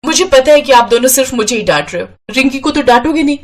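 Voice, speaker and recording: A woman voicing a quarrelsome, hot-tempered young woman in a cartoon story, talking in snappish, quick bursts. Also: sits high, expressive, pitched above the performer's own voice. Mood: angry. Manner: snapping, fast and loud when angry.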